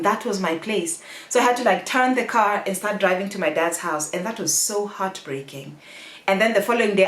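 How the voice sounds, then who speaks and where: A woman's voice: lowish voice, a bit bright. Candid Kenyan woman telling a story. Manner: candid, emotional, laughs often while telling. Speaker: vlogger. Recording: echoey room.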